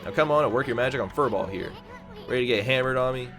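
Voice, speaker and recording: A man's voice: mid-range voice, fast talker, music in the background, pitched above the performer's own voice, close to an everyday voice. A man voicing a cheeky, brash tiny male wandering artist in a video game, with a teasing manner.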